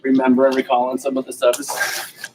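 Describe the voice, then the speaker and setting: A man's voice: medium pitch, completely flat delivery, a little mellow, a little hiss or hum. A man coaching youth wrestling, calling out drills and then chatting casually after practice. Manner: brisk instructions, winded later. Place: indoor wrestling room. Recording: echoey gym from far off.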